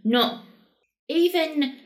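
A woman's voice: high voice, drawn-out words. A young British woman co-hosting a podcast in a casual, conversational way, reasoning things through as she explains them. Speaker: podcast co-host.

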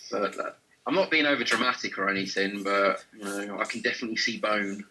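Bright-voiced man hosting a podcast. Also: fairly low pitch, quick pace, slight background noise, low-quality recording. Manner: relaxed, chatty, many ums. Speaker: podcast host. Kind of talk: casual podcast interview.

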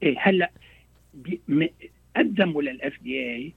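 A man with a Lebanese Arabic accent speaks quickly in a husky, slightly high voice. He explains like a doctor on the radio, repeating himself and mixing in English terms. The sound is thin and phone-like. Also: lively intonation, dry recording. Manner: halting, repeats words, mixes in English terms. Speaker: doctor interviewed as guest.

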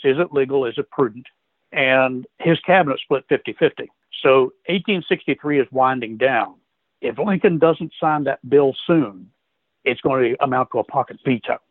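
A man from West Virginia, a guest historian, telling history in a measured, explanatory way. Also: mid-range voice, no echo. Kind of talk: history interview storytelling. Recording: tinny phone-like line, dry.

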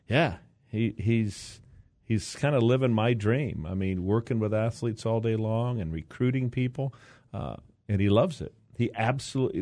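A low-voiced older man speaks as a guest in a relaxed interview, close to the mic in a dry room. He wanders through his stories, full of fillers and restarts. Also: no echo. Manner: rambling storyteller, many fillers and restarts. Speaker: interview guest, university board president. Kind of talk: casual interview chat.

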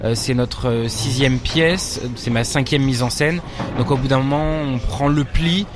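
A young French man who acts and directs for the stage works through his interview answers at a measured pace. His voice is at an ordinary middle pitch for a man, and he pauses often, uses hesitation fillers, and restarts sentences, with background noise audible.

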